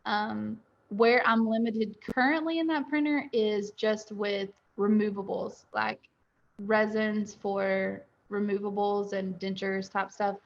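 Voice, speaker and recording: A woman's voice: mid-range voice, flat delivery, slow. Chatty young woman on a dull call. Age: young adult. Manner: candid, chatty, laughs easily. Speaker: dental lab owner and guest. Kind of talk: webinar interview.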